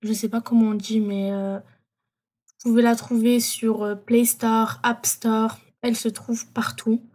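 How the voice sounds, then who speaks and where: Hesitant young-sounding woman, mellow. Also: fairly high pitch, flat delivery, slow. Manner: hesitant, many fillers and self-corrections. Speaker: vlogger. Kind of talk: casual screen tutorial.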